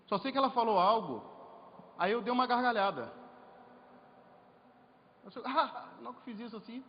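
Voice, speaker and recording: A man's voice: extremely high pitch, fast. Preacher man telling a testimony. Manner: storytelling, animated, jokes and rhetorical questions. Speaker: preacher at a men's congress. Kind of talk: sermon with personal testimony. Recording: lo-fi hall recording with faint noise.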